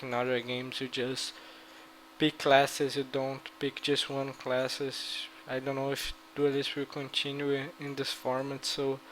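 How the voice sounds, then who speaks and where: This gaming video creator from Brazil, a native Portuguese speaker with a Brazilian accent, chats casually about card game strategy, wandering through his points with lots of fillers. His pitch runs on the high side, and the poor audio has a faint hiss or hum.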